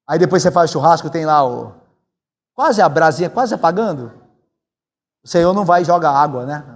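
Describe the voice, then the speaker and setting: A man from Brazil, a pastor preaching a sermon in a conversational way, often tagging his points with quick questions to the congregation. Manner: conversational, tag questions, animated swings in pitch. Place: church sanctuary. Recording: church hall with long reverb.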